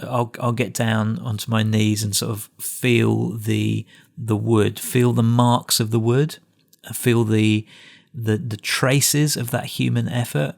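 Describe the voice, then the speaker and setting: A man's voice: mid-range voice, little pitch movement, takes it slowly, creaky, darkish tone. A middle-aged man giving a reflective lecture, often restarting phrases and adding asides. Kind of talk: recorded lecture.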